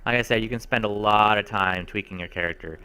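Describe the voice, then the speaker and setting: Chatty man with a bright, lowish voice. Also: quick pace, clean tone. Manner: chatty and enthusiastic. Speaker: game reviewer. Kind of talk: casual gameplay commentary.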